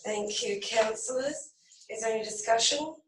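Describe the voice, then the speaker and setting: Croaky woman chairing a meeting. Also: fairly high pitch, a bit bright. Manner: procedural, brisk agenda reading. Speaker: mayor chairing a council meeting. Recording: echoey room from a distance.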